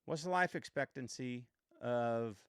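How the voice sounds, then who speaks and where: A man's voice: medium pitch, unhurried, clear, resonant tone, no echo. Earnest man in his fifties, dry sound. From United States. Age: 50s. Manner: earnest, repetitive, emphatic rhetorical questions. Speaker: podcast host. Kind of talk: reflective motivational monologue.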